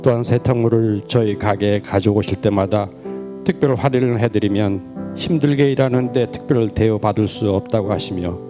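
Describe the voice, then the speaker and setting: Low-voiced man reading over clear music. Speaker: congregant reading a eulogy. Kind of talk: formal scripted tribute.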